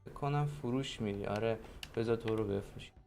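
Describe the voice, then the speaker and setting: A young man giving casual, excitable commentary while opening card packs, talking to the players on the cards and to his viewers. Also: lowish voice, soft background music. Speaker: gaming video creator. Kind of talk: pack-opening gameplay commentary.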